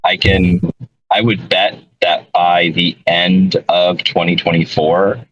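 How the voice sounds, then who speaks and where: A man's voice: low-pitched, flat delivery, takes it slowly, fairly bright tone, slight background noise. A man co-hosting a casual podcast over a call from his moving car, rambling and correcting himself as he goes. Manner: rambling, self-correcting, chuckles often. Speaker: podcast co-host. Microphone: voice call from a phone. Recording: dull lo-fi call audio.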